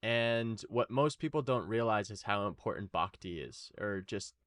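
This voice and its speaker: A male podcast guest talking earnestly, in a halting, casual way. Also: fairly low pitch, animated, a bit bright, no echo, clean studio sound. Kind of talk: casual interview chat.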